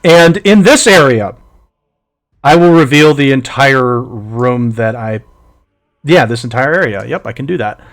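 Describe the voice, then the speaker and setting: A man narrating a tabletop game as game master, lively and halting with fillers. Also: mid-range voice.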